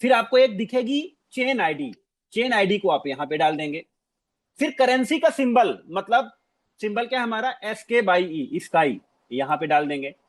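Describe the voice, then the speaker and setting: A man giving a casual screen-share walkthrough, talking to his audience in an animated way, repeating phrases and mixing in English words. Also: high voice, normal speed, no room sound. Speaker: presenter.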